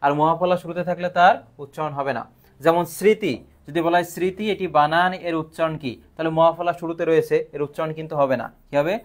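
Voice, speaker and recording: A man leads a live online grammar class. His voice sits a touch high, and he keeps asking the students questions and then answering them himself. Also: fairly even intonation, quick pace.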